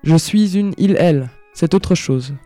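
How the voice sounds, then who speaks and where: A man reading aloud in the first person as a tired, worn-down butch narrator, speaking slowly. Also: fairly high pitch, warm tone, dry recording, faint music behind, natural voice. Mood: defiant.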